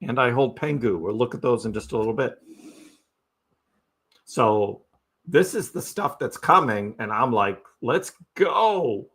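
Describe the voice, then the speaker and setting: A man's voice: mid-range voice, animated, measured pace, pauses often, fairly bright tone, husky. A man hosting a live crypto stream, giving casual chart commentary and asking his audience rhetorical questions. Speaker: crypto livestream host.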